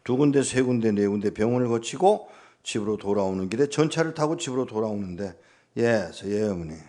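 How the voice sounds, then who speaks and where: Animated Korean pastor preaching. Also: male voice, lowish voice, a little fast. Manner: animated storytelling, acting out dialogue with his mother. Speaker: guest pastor. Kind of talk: sermon.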